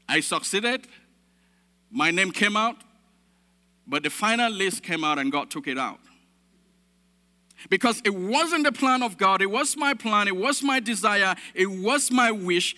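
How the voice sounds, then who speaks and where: A man from Cameroon preaches a sermon, building his points through repeated phrases and asking the room for an amen. His voice sits high for a man and rings very bright. A long reverb of a large hall trails after every phrase. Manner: preaching with emphatic repetition and calls of amen. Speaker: pastor.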